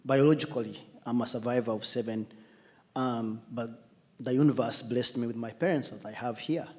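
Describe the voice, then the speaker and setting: A man from Uganda, an audience member, slowly and haltingly shares his story and searches for words. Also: medium pitch, steady tone, a little mellow, big-room sound. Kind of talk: hesitant personal sharing.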